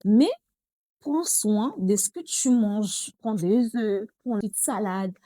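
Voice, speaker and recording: A woman's voice: mid-range voice, expressive, slow, warm tone, no room sound. Chatty woman giving model advice. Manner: chatty, repeats herself, addresses viewers as girls. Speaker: fashion model vlogger. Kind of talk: casual advice vlog.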